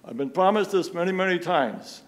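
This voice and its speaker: A man's voice: sits high, animated, brisk. A man speaking during public comment at a town meeting, pressing his complaint with repeated rhetorical questions. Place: town police commission meeting room.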